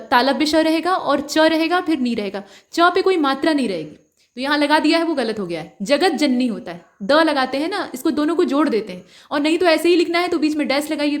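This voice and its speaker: A woman working through mock test answers as a tutor, patient and step by step, often asking listeners for the answer. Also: sits high. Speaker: Hindi exam tutor.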